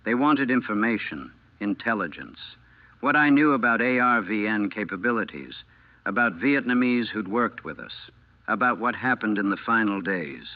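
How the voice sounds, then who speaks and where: A man with a fairly low voice narrates a scripted first-person account in the role of a war veteran. His delivery is somber and deliberate, broken into short, repeating phrases. The sound is very dry, with no room around it, and heavily band-limited and muffled. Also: animated, no echo.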